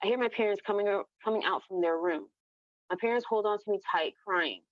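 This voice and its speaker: Reading her own first-person story as the narrator, a woman speaks briskly in a medium pitch. The room echoes and the sound is muffled, dull, and lo-fi.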